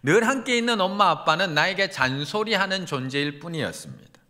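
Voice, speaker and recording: A man's voice: high-pitched, sing-song, a little fast, sharp tone. Pastor guy giving a sermon, voice bounces up and down a lot, long echo in the church. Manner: earnest preaching with swelling emphasis. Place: church sanctuary. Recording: reverberant church sanctuary.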